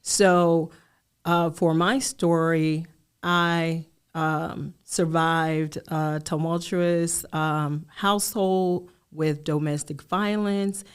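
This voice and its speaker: Slow, candid woman with a smooth voice. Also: deep voice, flat delivery. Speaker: guest, life coach. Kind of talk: podcast interview.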